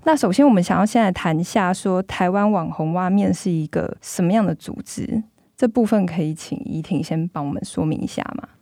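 A woman's voice: fairly low pitch, a little fast, creaky, mellow, dry recording, clean studio sound. A woman with a Taiwanese accent hosts a podcast as a journalist, speaking through a face mask. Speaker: magazine journalist hosting a podcast. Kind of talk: podcast hosting, semi-scripted narration and discussion.

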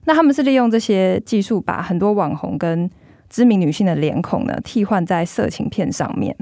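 A woman with a Taiwanese accent, a magazine journalist, hosts a podcast while wearing a face mask, mixing semi-scripted narration with discussion. Her mid-range voice is warm and lively in intonation, and she talks fairly quickly. The recording is dry and of studio quality.

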